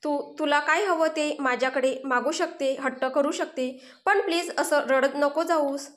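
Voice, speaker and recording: A woman's voice: high voice, fairly even intonation, measured pace. A woman voicing a caring, protective young man who comforts and reassures in a story reading. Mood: soothing. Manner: gentle, reassuring, sometimes urgent. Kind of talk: Marathi audio story dialogue.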